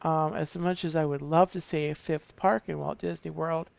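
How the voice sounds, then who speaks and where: A man's voice: a little high, steady tone, moderate pace, gravelly, darkish tone, clean tone, no echo. A man chatting on a casual livestream, hesitant and full of fillers. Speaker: panelist on a livestream.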